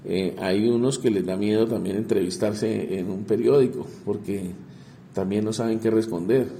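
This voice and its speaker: Halting politician, very dark voice. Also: male voice, fairly low pitch, fairly even intonation, vocal fry, slight background noise. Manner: halting, repeats words while searching. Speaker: congressman. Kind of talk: interview answers.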